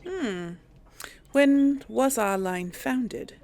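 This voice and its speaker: A woman with a fairly high, darkish voice speaks very slowly. She's hosting a role-play gaming video, chatting casually as she muses aloud and reads dialogue choices, shifting between commentary and in-character lines.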